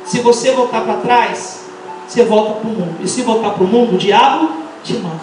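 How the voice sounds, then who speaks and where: A middle-aged woman with a Brazilian accent preaching an impassioned Pentecostal sermon, firing rhetorical questions and breaking into shouts. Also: fairly high pitch, normal speed, faint music behind. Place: large church hall. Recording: echoey church hall, mic far off.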